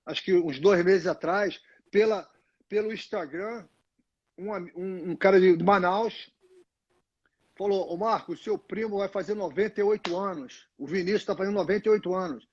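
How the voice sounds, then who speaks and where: Speaking at normal speed in a voice that sits high, this older man from Brazil is a retired fighter guesting on a casual live interview. He tells long, rambling stories with many restarts and "né?" tags into a tripod-mounted phone that yields dull lo-fi audio.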